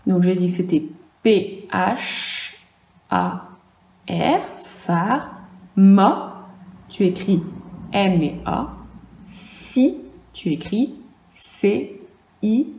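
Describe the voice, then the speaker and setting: Slow, patient French woman teacher. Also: mid-range voice, sing-song, a little mellow, echoey room. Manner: slow, patient, spelling out sounds and syllables. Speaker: primary school teacher. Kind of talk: virtual class lesson for young children.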